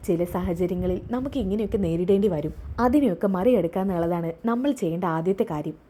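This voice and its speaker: A woman voicing a calm, earnest woman doctor who breaks hard news in a measured way. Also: fairly low pitch, a little hiss or hum, lightly acted. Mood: grave. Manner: measured, reassuring.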